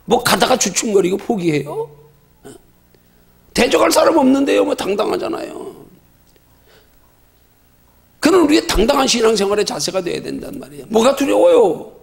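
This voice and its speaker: A middle-aged male pastor leading a Bible study, emphatic and full of rhetorical questions, at times shouting. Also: very high-pitched, big pitch swings, normal speed, creaky, pauses often.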